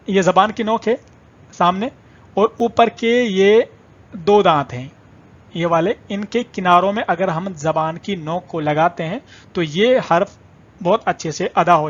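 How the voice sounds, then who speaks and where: A man with a fairly high voice teaches beginners in a patient, repetitive way. He drawls hesitant fillers between points. The recording sounds dull and lo-fi. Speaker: Urdu teacher. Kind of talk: online language lesson.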